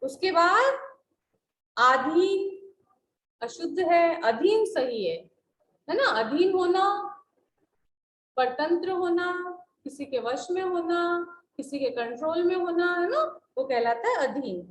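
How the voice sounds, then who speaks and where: A woman's voice: extremely high pitch, animated, measured pace, roomy sound, poor audio. A woman teacher giving a classroom spelling lesson, patiently repeating words and asking checking questions. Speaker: school Hindi teacher.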